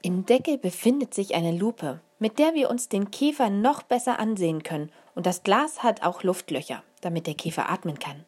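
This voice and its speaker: A woman's voice: medium pitch, expressive, moderate pace, few pauses, a little mellow, breathy edge. A woman voicing a friendly kindergarten teacher who explains things to the children.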